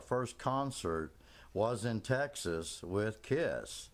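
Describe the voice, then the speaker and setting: A man's voice: fairly low pitch, animated, very slow. A middle-aged man casually telling rambling stories from his past, with lots of fillers and restarts. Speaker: storyteller. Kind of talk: casual spoken reminiscence.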